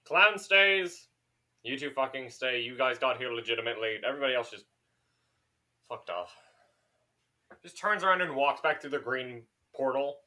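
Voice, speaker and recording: A man's voice: medium pitch, moderate pace, long pauses. A man narrating as game master of a tabletop game, playful and profane as he describes the scene. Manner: animated, swearing, playful.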